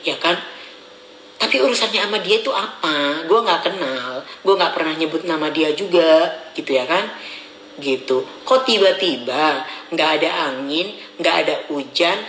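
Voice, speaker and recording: High-voiced, gossipy man ranting on phone. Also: moderate pace, fairly bright tone, reverberant, slight background noise, rough recording. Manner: chatty, repetitive, gossipy, indignant. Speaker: social media vlogger. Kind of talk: casual rant to followers. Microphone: phone camera at arm's length.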